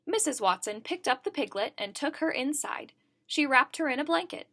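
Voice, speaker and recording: A woman reads a children's picture book aloud with a bright, lively tone. Her voice sits a touch high and she gives each character a little voice of its own. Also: normal speed. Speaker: reader. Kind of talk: children's story read-aloud.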